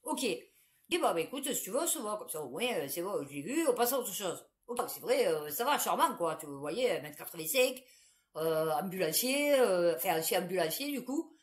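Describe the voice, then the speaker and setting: A woman's voice: fairly low pitch, very animated, moderate pace. A woman, telling a personal story to the camera in a blunt, crude, chatty way, breaking into laughter often.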